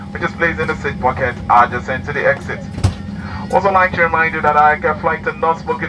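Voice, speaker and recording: Man giving a cabin PA announcement. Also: on the high side. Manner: formal, recited. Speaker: flight attendant. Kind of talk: scripted in-flight announcement. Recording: distant cabin PA with engine noise.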